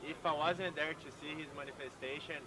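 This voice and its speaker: A man's voice: fairly high pitch, fairly even intonation, a little fast. A man from Brazil, answering questions on a street hesitantly, searching for his words. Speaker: passerby being interviewed. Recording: loud street crowd and traffic behind.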